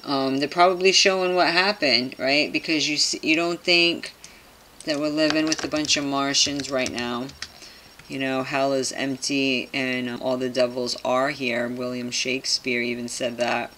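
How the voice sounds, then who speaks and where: Commenting on a topic from home, a video host reads aloud and talks casually to the audience, tossing in doubtful, conspiratorial remarks and frequent tag questions. The mid-range voice is flat, pushed and bright at normal speed, with slight background noise.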